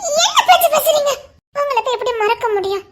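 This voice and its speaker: A woman's voice: very high voice, quick pace, over loud music. A woman acting as a playful, giggly young wife bantering with her husband. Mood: touched. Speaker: actor in a romantic couple skit. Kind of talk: acted romantic dialogue.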